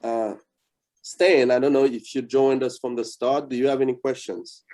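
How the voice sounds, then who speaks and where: A man's voice: medium pitch, fairly even intonation, moderate pace, darkish tone. A middle-aged man from Haiti with a Haitian accent, teaching a beginner Creole lesson over a video call and patiently repeating key points as he explains. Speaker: Creole language teacher and author. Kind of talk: online beginner language lesson.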